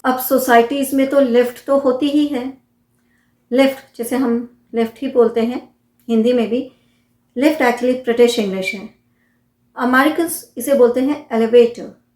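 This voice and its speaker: A woman's voice: on the high side, a little mellow, echoey room. A woman with an Indian accent explains English words in casual Hindi, repeating each term and asking the listener questions. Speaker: English vocabulary teacher.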